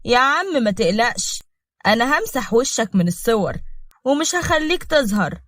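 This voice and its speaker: A woman's voice: on the high side, big pitch swings, normal speed, a bit bright, no echo. A woman voicing a vengeful scheming man who gloats over his plan, in Egyptian Arabic. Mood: gloating.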